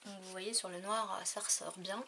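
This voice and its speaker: A woman talking casually through a crafting haul, hesitant with many fillers and often trailing off quietly. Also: mid-range voice, steady tone, normal speed, background noise. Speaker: crafting vlogger.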